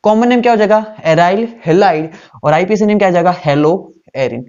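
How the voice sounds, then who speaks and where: A man's voice: high voice, brisk, a little mellow, clear, resonant tone, dull audio. A male teacher giving a classroom lecture, asking questions aloud and answering them himself while repeating the key terms.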